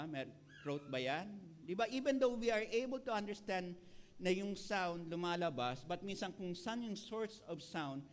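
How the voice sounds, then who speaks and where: A man's voice: fairly high pitch, a little hiss or hum. A middle-aged Filipino man with a Filipino accent preaching a sermon as pastor, switching between Tagalog and English with playful asides to the congregation. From Philippines.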